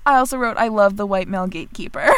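A woman's voice: mid-range voice, rapid-fire, heavy background noise. A woman co-hosting a podcast in casual chat, candid and laughing often. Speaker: podcast co-host.

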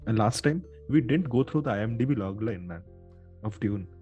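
A man's voice: lowish voice, lively intonation, normal speed, warm tone, muffled recording, faint music behind. A man with an Indian accent hosting a podcast in casual, informal chat, now and then slipping between English and Hindi. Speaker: podcast host.

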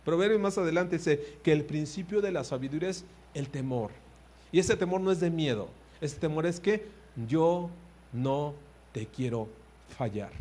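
A husky-voiced man preaching a sermon, his voice pitched a little high. He is animated, rising to loud emphasis and dropping to quiet asides, and keeps turning to his listeners with direct questions. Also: normal speed.

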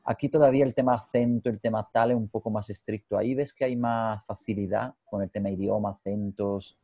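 A man's voice: fairly low pitch, steady tone, fairly quick, dark tone, no room sound, studio quality. A man from Spain, an actor, interviewing a fellow actress in an earnest, reflective way and asking long questions. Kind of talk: casual interview conversation.

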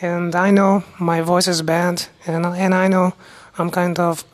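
A young woman from India with an Indian accent, a newly qualified doctor hosting her own medical podcast, talking alone in a halting way with many restarts and speech that is not very clear. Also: fairly low pitch, flat delivery. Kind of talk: solo medical podcast talk.

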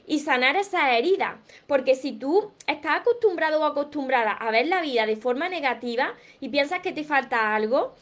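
A woman with a Peninsular Spanish accent hosting a live stream, answering viewers with earnest encouragement and often clearing her throat. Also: sits high. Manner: earnest, encouraging, reads viewer comments aloud. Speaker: livestream host, self-help speaker. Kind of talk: live Q&A, motivational talk.

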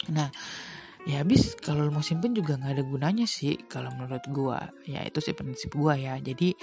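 A woman's voice: low-pitched, gravelly, darkish tone. A young woman giving casual, slangy advice in a chatty monologue full of rhetorical questions. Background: faint guitar music.

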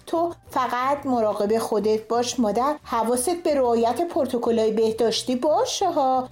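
A woman playing a fussing middle-aged wife and mother in a comic radio sketch, placating and doting. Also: fairly high pitch. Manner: placating, fussy.

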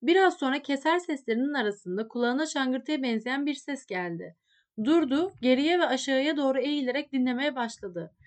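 A woman with a high voice narrates a literary story. Her reading is measured and expressive, carrying the scenes along steadily.

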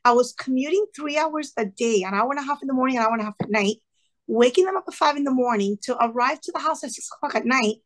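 With a high voice and fast delivery, a former classroom teacher in her thirties, whose family is Cuban, tells her story as an interview guest. Her conversational storytelling is earnest and animated, and she acts out the people she quotes in lively asides.

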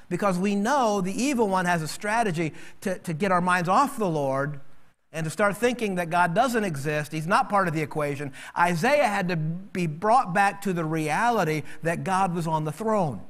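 A man preaching a sermon as pastor, animated and acting out quoted voices. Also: high-pitched.

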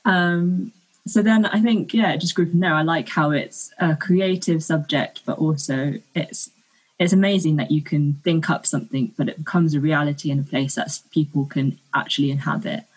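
A young woman, a podcast guest talking thoughtfully about her studies and often pausing on "um". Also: low-pitched, steady tone, slightly rough, poor audio. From London, England. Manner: thoughtful, with frequent ums. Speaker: guest, architecture student. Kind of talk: casual podcast interview.

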